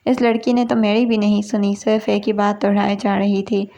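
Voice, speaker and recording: A woman narrates a story with an even, steady read. Her pitch barely moves and stays close to one level throughout. She sits at a middle height for a woman's voice. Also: gravelly, highs cut off. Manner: even, steady reading in a first-person male role.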